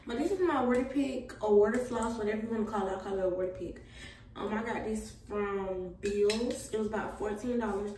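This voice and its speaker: A woman's voice: mid-range voice, a little fast, a little mellow, echoey room, far from the mic, a little hiss or hum, poor audio. A young woman vlogging at home in a casual, chatty way, tired and a little out of breath. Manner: laid-back, chatty, Southern US slang. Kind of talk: casual chat to camera.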